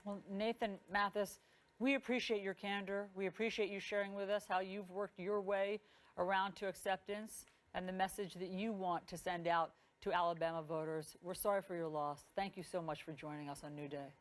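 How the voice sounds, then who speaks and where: Measured female news anchor, mid-pitched. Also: fairly even intonation. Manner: measured, polite, articulate. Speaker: television news anchor, interviewer. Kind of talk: broadcast news interview.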